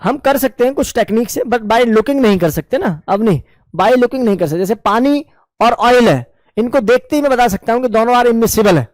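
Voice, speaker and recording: This chemistry teacher's very high-pitched voice has lively intonation and a moderate pace, with no echo. Lecturing in Hindi with English terms mixed in, he affectionately coaxes students by asking questions and supplying the answers himself.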